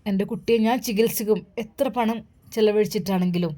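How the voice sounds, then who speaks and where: A woman voicing a worried but determined middle-aged father in a storytelling video, speaking low and quietly. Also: fairly even intonation, fairly quick, lightly acted.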